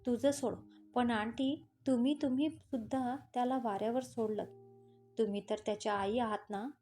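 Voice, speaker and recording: An indignant young woman challenges her family with pointed questions, as a woman narrator voices her. The tone is mellow and a little high. Faint instrumental music plays under the storybook reading. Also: steady tone, normal speed, natural voice.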